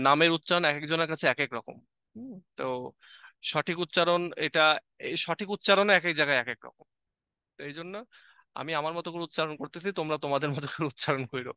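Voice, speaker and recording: A young man giving a casual literature lecture, reading lines slowly from a text, then explaining them in a chatty way with many fillers. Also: fairly high pitch, pushed and bright, smooth, dry recording. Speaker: literature teacher.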